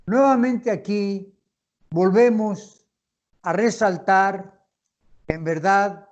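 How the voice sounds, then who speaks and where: A man leading a Bible study for young people, reading scripture aloud and explaining it with slow, deliberate phrasing. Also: high voice, highs cut off.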